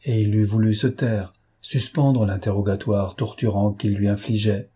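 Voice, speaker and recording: Husky, dark-voiced male audiobook narrator. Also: on the low side, fairly even intonation, normal speed. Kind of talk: novel reading.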